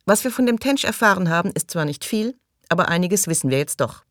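A woman's voice: on the low side, expressive, a little fast, no room sound, clean studio sound, voice pushed up, lightly acted. A woman reading an audiobook and voicing a suspicious, agitated man who accuses and raises his voice. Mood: bitter.

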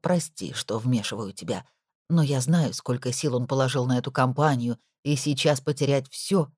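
Lady doing gossipy older auntie type, low, confiding, motherly. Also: normal speed, darkish tone, slightly rough, no room sound, clean studio sound. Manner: confiding, chatty. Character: older woman, caring housekeeper type, gossipy.

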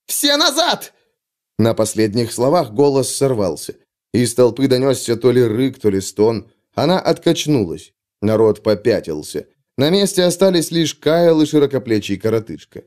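A man reading an adventure story aloud as narrator, in steady, dramatic storytelling. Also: mid-range voice, normal speed. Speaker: audiobook narrator. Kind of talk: scripted narration.

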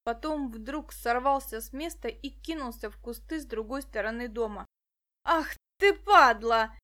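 A woman narrating a children's adventure audiobook in a lively way. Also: a little high, normal speed. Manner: lively, plays all the figures. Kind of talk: scripted narration.

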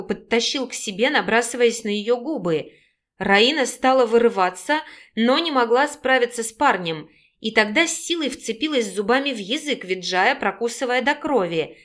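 A woman narrating an audiobook in a steady storytelling read. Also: fairly high pitch. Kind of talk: scripted narration.

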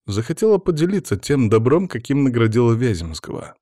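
A man narrating a fantasy audiobook in the first person, in an even, measured storytelling manner. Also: mid-range voice, dry recording, studio quality.

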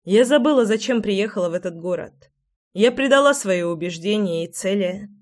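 A woman's voice: mid-range voice, expressive, normal speed, natural voice. Cutting, resolute young woman seer, voiced by a woman in an audiobook. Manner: cold, cutting.

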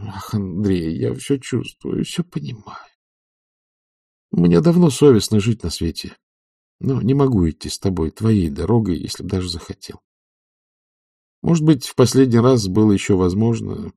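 A tired, resigned gentleman of middle age who talks quietly and pleadingly, voiced by a man reading aloud. The voice sits low and dark, and the recording is dry and close. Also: lively intonation, normal speed, vocal fry, breathy edge, dry recording, distant mic, full character voice. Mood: despairing. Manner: soft, pleading and subdued. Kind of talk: audiobook reading.

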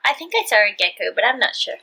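A woman's voice: mid-range voice, animated, fast, creaky, sharp tone, slightly rough. A woman chatting casually with uncertain, offhand asides. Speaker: listener. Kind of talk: casual chat.

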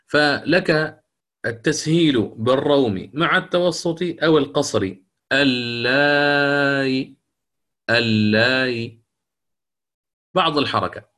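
A middle-aged man lecturing on Quran recitation rules, asking questions and answering them himself, and chanting verses slowly as examples. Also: a little high, expressive, fairly bright tone.

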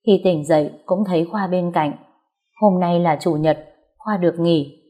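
A woman reads a first-person story aloud at a steady pace. Her voice sits on the low side and sounds warm and mellow. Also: normal speed. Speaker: narrator.

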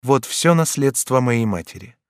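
A man's voice: mid-range voice, animated, dry recording, clean studio sound, close to an everyday voice. A man voicing a resolute, grave young woman in an audiobook, speaking firmly and earnestly. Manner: firm, earnest, measured.

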